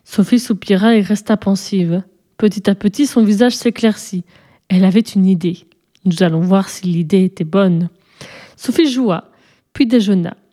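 A woman reading a children's story aloud in a gentle, measured way. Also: medium pitch. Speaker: narrator.

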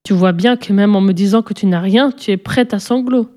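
A woman voicing a firm, gentle mother. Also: mid-range voice, close to an everyday voice. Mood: questioning. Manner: measured, gently admonishing.

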